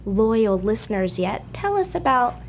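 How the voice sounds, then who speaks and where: Host lady in her 50s, chatty, kinda high voice, bit of hiss behind. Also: sing-song, unhurried. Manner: upbeat, chatty, laughs easily. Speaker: show host. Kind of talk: casual radio talk.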